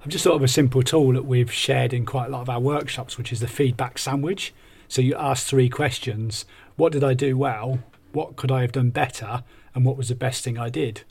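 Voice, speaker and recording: A man's voice: mid-range voice, fairly even intonation, moderate pace, vocal fry, darkish tone, husky. A man co-hosting a podcast conversationally, explaining ideas with examples like an upbeat life coach. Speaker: podcast co-host and workshop coach.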